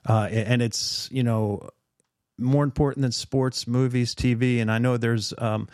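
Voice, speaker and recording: A man's voice: medium pitch, steady tone, unhurried, a little mellow, dry recording, clean studio sound. A middle-aged man hosting a podcast, talking in an earnest, reflective way with frequent fillers. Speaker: podcast host. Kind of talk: casual conversation.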